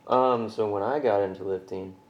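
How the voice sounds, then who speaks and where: A man's voice: fairly low pitch, normal speed, highs cut off. A man co-hosting a casual fitness podcast, slangy and loose, talking with his mouth full. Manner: casual slang, says "like" and "dude" a lot. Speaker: podcast co-host. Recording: roomy echo, faint room noise.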